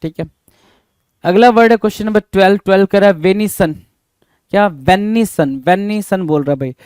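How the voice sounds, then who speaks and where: A man's voice: high-pitched, normal speed, darkish tone, clean tone, no echo, clean studio sound. A man teaching a spelling lesson, spelling words letter by letter and asking rhetorical questions as he repeats them.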